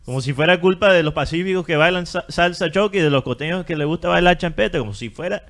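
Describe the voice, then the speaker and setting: A man's voice: fairly high pitch, fast talker, a bit bright. A man with a Colombian Caribbean coast accent, co-hosting a casual opinion chat and arguing his point with rhetorical questions. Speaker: podcast co-host.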